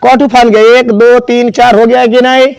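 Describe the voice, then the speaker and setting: High-voiced grammar teacher. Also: male voice, flat delivery, normal speed, creaky, darkish tone, clean tone, dry recording, dull audio. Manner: spells words out letter by letter and quizzes students. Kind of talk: classroom lesson.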